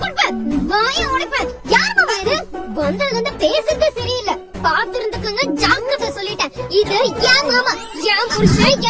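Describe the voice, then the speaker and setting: A woman playing a loud, melodramatic wife who wails and scolds. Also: very high-pitched. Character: wailing wronged wife, dramatic and loud. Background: loud children's music.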